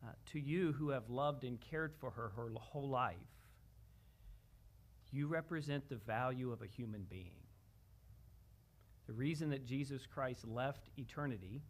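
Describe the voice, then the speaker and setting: A man serving as pastor, giving a memorial service address in a church in a gentle, measured way with light humor. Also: medium pitch. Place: church sanctuary.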